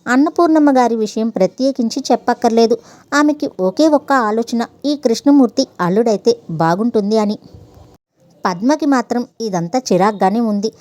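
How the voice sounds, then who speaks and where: A woman tells a story in a steady, clear reading. Her voice is fairly high and mellow, with a warm tone. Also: normal speed, no echo. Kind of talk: scripted narration of a story.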